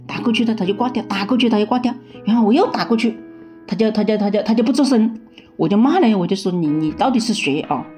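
A woman in her fifties recounting her own life in a casual, halting way, often repeating words as she speaks. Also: mid-range voice, darkish tone. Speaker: interviewee, mother. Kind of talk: casual personal recollection.

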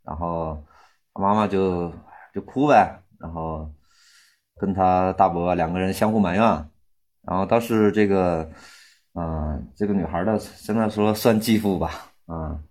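A man in his thirties, a volunteer aid worker, telling a personal story in casual speech, halting and full of restarts, growing heated when angry. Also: low-pitched, a little mellow. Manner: halting, many restarts and fillers, rising heat when angry.

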